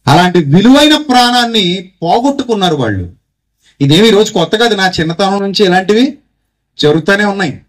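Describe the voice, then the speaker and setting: A man preaching a Christmas sermon with a Telugu accent, pressing his listeners with rhetorical questions and having them repeat lines after him. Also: high voice. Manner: exhorting, calls congregation to repeat phrases. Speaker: pastor.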